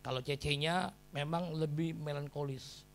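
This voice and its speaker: A middle-aged male pastor preaching a sermon, dropping to quiet confiding tones and rising to loud shouted exhortation. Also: fairly high pitch, fairly even intonation, moderate pace, vocal fry, faint music behind.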